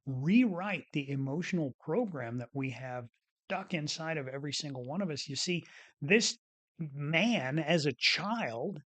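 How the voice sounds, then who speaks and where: A man who left medicine and now hosts a show, telling a story from his clinic in a folksy way and acting out both sides of the conversation. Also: fairly high pitch. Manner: folksy, re-enacts dialogue with lively voiced quotes. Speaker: former physician turned coach and show host. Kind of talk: storytelling talk.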